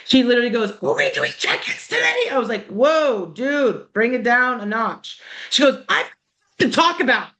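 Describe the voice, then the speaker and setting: Woman coach chatting to student athletes, middle aged, laid back, says dude a lot. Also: medium pitch. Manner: casual and conversational, says "dude" and acts out quoted exchanges. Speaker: coach and mental performance speaker. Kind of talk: motivational talk to student-athletes.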